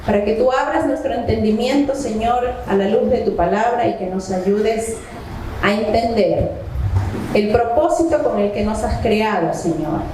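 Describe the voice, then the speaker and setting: A woman's voice: on the high side, measured pace, noisy background. A middle-aged woman from the coast of Ecuador, giving Bible teaching and prayer at a women's conference and asking her listeners questions directly. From Santo Domingo, Ecuador. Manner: addresses the audience directly with questions. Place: church hall. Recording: echoey church hall.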